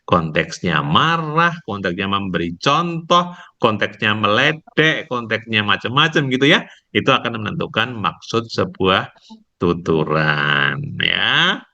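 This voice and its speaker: A male lecturer teaching online, his lowish voice bright and pushing forward. He walks through each point slowly and tags it with a checking "ya". The call audio sounds muffled and lo-fi. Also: creaky. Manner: explains slowly, tags nearly every phrase with "ya". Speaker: university lecturer. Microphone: video call.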